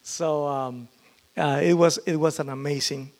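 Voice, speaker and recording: Middle-aged pastor, fairly high for a man, halting, full of restarts. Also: steady tone. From Peru. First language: Spanish. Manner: halting, with frequent fillers and restarts. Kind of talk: testimony sermon.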